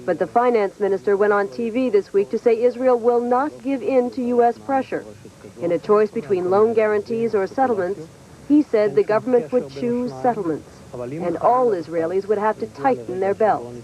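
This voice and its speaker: A woman's voice: medium pitch, moderate pace, warm tone. A woman narrating a scripted news report as a foreign correspondent. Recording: slightly dull broadcast audio.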